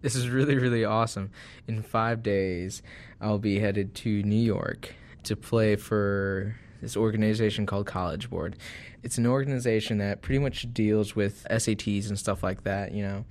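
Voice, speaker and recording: A man's voice: lowish voice, fairly even intonation, moderate pace, a little mellow. An eighteen-year-old man from Indiana, a student, narrating casually about himself. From Indiana, USA. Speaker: college music student in a documentary.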